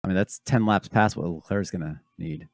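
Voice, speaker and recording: A man's voice: low voice, a little fast, no echo, studio quality. A man co-hosting a casual race-watching chat, blunt and sardonic, swearing now and then. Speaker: podcast co-host.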